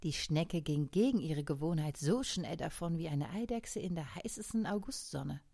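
A woman reading a story aloud to a live audience, slow and deliberate. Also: low-pitched, expressive, vocal fry, mellow. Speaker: reader.

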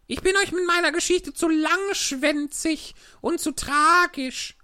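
A man's voice: extremely high pitch, unhurried, pushed and bright, pitched above the performer's own voice, exaggerated voice. A touchy little mouse, voiced by a man. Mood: sighing. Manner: scolding, indignant. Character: small touchy female mouse, stern and easily offended. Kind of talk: audiobook character voice.

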